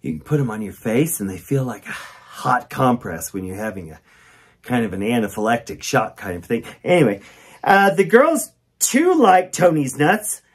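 A man performing as a sassy drag queen, reading a storybook for laughs. The voice sits at a medium pitch but swoops widely, with a slightly husky edge and campy, theatrical stress on key words. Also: lively intonation, moderate pace. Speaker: drag queen host reading a picture book. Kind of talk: comic storybook reading with asides. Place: small furnished indoor set.

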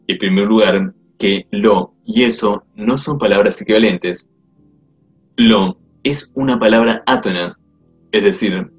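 A man reads a grammar textbook aloud at a measured, explanatory pace. His voice sits on the low side. The recording is muffled and lo-fi, with faint music under it. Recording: dull lo-fi audio with faint music.

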